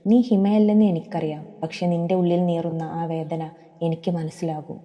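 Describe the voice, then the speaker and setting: A woman voicing a calm, steadfast young man in love, speaking gently in a storybook reading. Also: on the low side, moderate pace, dull audio, lightly acted. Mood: calm tender. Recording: long hall reverb.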